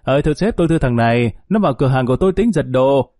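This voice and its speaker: A man reading the part of a loud-mouthed, fawning male shop manager, blustering and wheedling. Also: mid-range voice, animated, rapid-fire, no echo, studio quality, natural voice.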